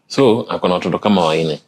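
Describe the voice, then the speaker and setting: A man's voice: sits low, animated, brisk. A man with a Kenyan accent telling stories casually, switching between English and Swahili. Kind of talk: casual conversational storytelling. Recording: light background noise.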